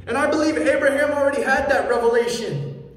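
Male preacher in his thirties, high-pitched and fervent, shouting at the peaks of a sermon; heard from a distance in a very echoey hall. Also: fairly quick. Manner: fervent, rising to shouts at climaxes. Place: large church hall, indoors. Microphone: handheld mic.

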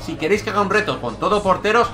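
Excitable young gaming commentator. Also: male voice, high voice, soft background music. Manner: excitable, jokey, rapid shifts between shouts and mutters. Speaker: gaming YouTuber. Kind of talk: energetic gameplay commentary.

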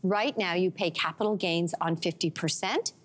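A middle-aged woman, a financial commentator explaining tax rules with worked dollar examples on a studio talk show, on a lapel mic. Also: lowish voice. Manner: brisk explainer walking through dollar examples.

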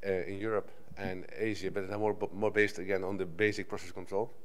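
Speaking into the lectern microphone on a conference hall stage, a middle-aged native Dutch speaker from the Netherlands gives a conversational talk full of restarts. His voice is low-pitched with little pitch movement, and his pace is a little fast.

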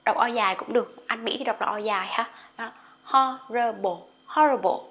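A woman's voice: a little high, fairly even intonation, highs cut off. A woman teaching English pronunciation in a casual online lesson, chatty and full of friendly particles. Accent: Vietnamese. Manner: chatty, lots of sentence-final particles; drawn-out model words when demonstrating.

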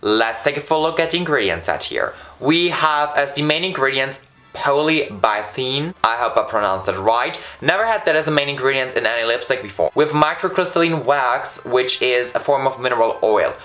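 Gushing and flamboyant, this beauty vlogger, a young man in his twenties from Austria with an Austrian German accent, campily reviews lipsticks before a patterned backdrop in a bright indoor room. His medium-pitched voice is expressive and bright with a forceful tone at normal speed, and soft music plays in the background.

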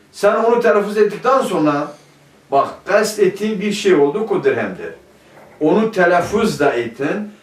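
A man teaching a grammar lesson, asking his class questions and answering them himself. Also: on the high side. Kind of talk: classroom lecture. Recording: echoey room, mic at a distance.

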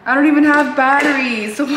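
Chatting to camera in her small indoor home gym, a fitness vlogger in her twenties giggles and drops in Spanish phrases as she talks. Her high voice holds a steady tone at normal speed, and the lapel mic picks up a roomy sound and background noise.

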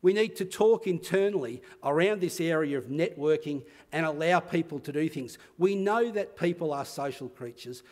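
A man's voice: fairly high pitch, expressive, normal speed, hardly any pauses, darkish tone, in a large hall. An Australian man speaking at a conference, earnest and a little self-deprecating, often restarting his phrases. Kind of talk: conference talk. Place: conference venue.

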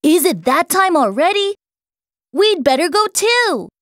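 Storybook role: a cheeky young schoolboy, high and bouncy, read by a woman, dry booth sound. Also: sing-song, unhurried, no room sound, exaggerated voice. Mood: teasing. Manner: bright, high boyish voice. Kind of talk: storybook character voice.

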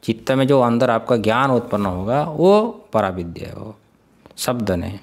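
A male spiritual teacher giving a scripture class, often putting questions to his listeners, chuckling and sounding out syllables slowly. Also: mid-range voice, expressive. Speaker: Vedanta teacher.

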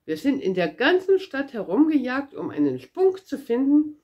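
A woman's voice: high voice, very animated, normal speed, warm tone, lo-fi sound, pitched above the performer's own voice. A woman voicing a cheeky, boastful little red-haired girl in a read-aloud storybook, chatty and eager. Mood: wistful.

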